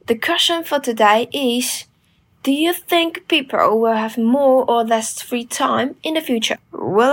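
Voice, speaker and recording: A fairly high-voiced woman runs a bilingual English speaking lesson as its host. She reads English sample answers slowly and carefully. Then she switches to brisk explanations of pronunciation and phrases. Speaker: English teacher and podcast host.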